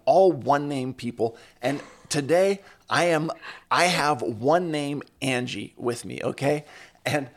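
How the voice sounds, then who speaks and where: A podcast host with a mid-range voice and some vocal fry introduces his guest with upbeat enthusiasm. The talk is a casual interview.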